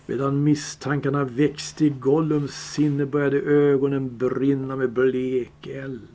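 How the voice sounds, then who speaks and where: A man reading a fantasy novel aloud in a calm, measured storytelling voice. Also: medium pitch. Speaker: reader. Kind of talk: audiobook reading.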